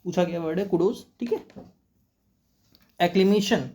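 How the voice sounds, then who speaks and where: A man's voice: high-pitched, normal speed, darkish tone, a little hiss or hum. A man teaching English for competitive exams. He explains words patiently, spells some of them letter by letter, and keeps checking in with "okay". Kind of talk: exam-prep vocabulary and grammar lesson.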